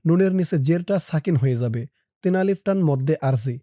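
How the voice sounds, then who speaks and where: A Quran recitation teacher spells out Arabic letters and vowels, with brisk explanations between slow, drawn-out chanting of the verse. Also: mid-range voice, animated, mellow, dry recording, clean studio sound.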